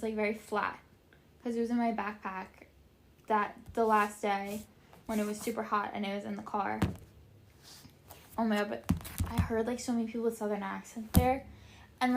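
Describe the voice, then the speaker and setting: A woman's voice: mid-range voice, slight background noise. A young woman hosting a casual solo podcast, rambling and chatty, with lots of "like" and casual swearing. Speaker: podcast host.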